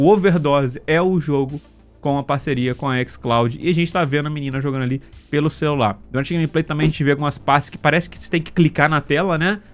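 A Brazilian man giving casual, slangy gaming news commentary, often checking in with short tag questions. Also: fairly high pitch. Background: background music.

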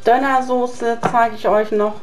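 A Turkish-accented woman in her thirties hosts a cooking channel, chatting through a home vlog in her kitchen and at a garden barbecue and explaining each step. Her slightly high voice is steady and measured, heard over music.

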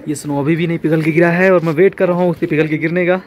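Excited high-voiced man vlogging outdoors. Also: racing. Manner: excited, chatty, mixing English phrases into his talk. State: coughing now and then. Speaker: travel vlogger. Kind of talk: casual vlog narration. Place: hotel balcony outdoors in snowy mountains.

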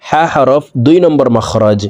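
Guy teaching arabic letters, warm low-key voice, says each letter twice then spells it. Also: normal speed, highs cut off. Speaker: Quran teacher. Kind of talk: slow step-by-step recitation lesson.

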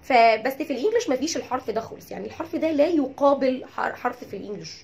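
Lively high-voiced Egyptian woman teaching. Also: racing. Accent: Egyptian Arabic. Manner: animated, repeats words to drill pronunciation; checks in with "tamam?". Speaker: English teacher. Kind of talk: pronunciation lesson.

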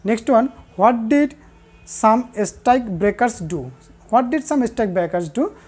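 Woman teacher, mellow voice, says answers twice, lots of uh pauses. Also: fairly high pitch, expressive, breathy edge. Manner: repeats key answers, pauses with fillers. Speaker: English teacher. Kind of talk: recorded classroom lesson.

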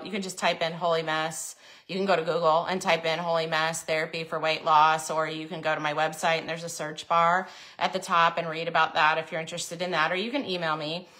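A woman in her forties hosting a casual live video from her kitchen, chatty and filling pauses with frequent "um"s. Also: fairly low pitch, bright, forceful tone. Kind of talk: casual live-stream chat. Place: home kitchen, indoors. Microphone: phone camera held close.

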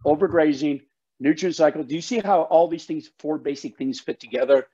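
Speaking fairly quickly in a mellow, somewhat rough voice on the high side, an older soil health educator gives a passionate interview as a guest. He's on a video call from his home office, explaining things emphatically and folksily over slightly dull audio.

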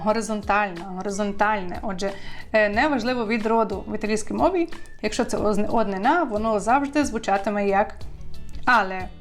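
A woman teaching an online language lesson, drilling words slowly and asking her learners questions. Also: medium pitch.

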